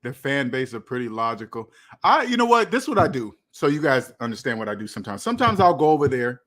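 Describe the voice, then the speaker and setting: Quick and sing-song, with a fairly bright tone at medium pitch, this US livestream host chats loosely with his viewers. He responds to their comments, wanders off on tangents, and says things twice to drive them home.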